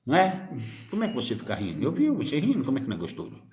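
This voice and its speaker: A man's voice: mid-range voice, rapid-fire, crowd noise. Guy, medium giving a loose spiritual talk, bouncy up-and-down voice, teasing, roomy echo. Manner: lively, teasing, chatty, asks rhetorical questions. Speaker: spiritist medium answering viewers. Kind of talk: informal spiritual teaching.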